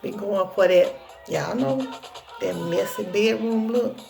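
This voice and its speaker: Sassy country lady w a deep southern accent, lots of creak in her voice, chatting to followers, music on. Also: takes it slowly, darkish tone. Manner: folksy country talk, sassy and self-assured. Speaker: hair tutorial vlogger. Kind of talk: casual chat to viewers.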